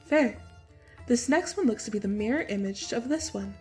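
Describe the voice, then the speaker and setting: An actress playing a calm young woman introducing the next story. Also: fairly high pitch, normal speed, soft background music, lightly acted.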